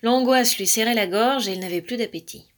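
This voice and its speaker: A woman reading a children's animal story aloud, expressive and lively. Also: a little high, a little fast.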